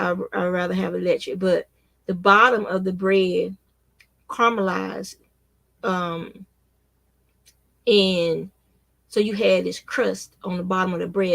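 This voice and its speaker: A woman's voice: lowish voice, gravelly, fairly bright tone, dry recording. A woman in her fifties, chatting casually and reminiscing at a rambling pace with frequent restarts. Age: 50s. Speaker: crochet vlogger. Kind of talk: casual reminiscing while crocheting.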